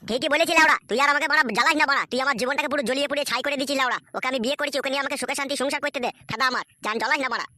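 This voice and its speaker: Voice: high voice, racing, few pauses, pushed and bright, slight background noise. Foul-mouthed cartoon husband. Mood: exasperated. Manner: abusive and swearing. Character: crude quarrelsome husband, adult male. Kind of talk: sped-up cartoon voice acting.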